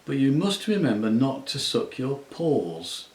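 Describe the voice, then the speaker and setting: A man voicing a young High King who speaks calmly and courteously, with quiet command. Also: a little slow. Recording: roomy echo.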